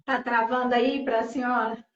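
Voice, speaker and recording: Brief: woman host, high voice, encouraging, roomy dull stream audio. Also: flat delivery, moderate pace. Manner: warmly encouraging, short affirmations. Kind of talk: casual church live chat. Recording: echoey, dull, faintly noisy stream audio.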